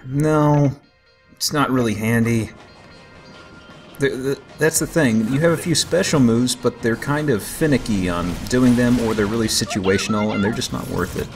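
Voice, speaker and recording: Over background game music, a male let's play host keeps up joking banter while playing. His pitch is medium and his pace moderate.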